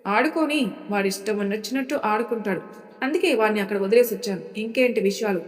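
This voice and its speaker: A woman's voice: medium pitch, fast, soft background music, natural voice. A woman voicing a bossy young husband who gives curt orders. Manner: curt, authoritative. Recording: reverberant room.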